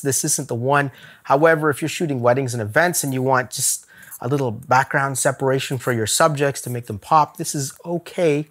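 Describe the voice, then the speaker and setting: A chatty male vlogger reviews camera gear in a casual video, laughing often and sharing candid opinions in a medium-pitched voice. He's recorded through a camera-mounted mic on a zoom lens.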